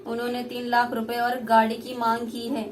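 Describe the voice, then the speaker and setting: A fairly high, soft-spoken young bride, voiced by a young woman pleads in a homemade puppet play. Her lines are humble and submissive. A faint hiss runs behind her. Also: monotone, moderate pace, lightly acted. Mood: distressed. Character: poor, meek young daughter-in-law.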